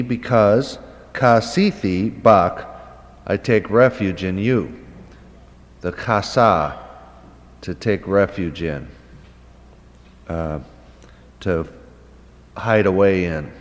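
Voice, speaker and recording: A man with a low voice teaches at an unhurried pace, working through his points aloud. He fills pauses with "uh" and "um" and often poses a question before answering it. His voice rings out with long reverb, as in a hall. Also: dull audio. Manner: thinking aloud with frequent fillers; explains terms by asking and answering questions. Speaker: Hebrew Bible teacher. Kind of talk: unscripted lecture.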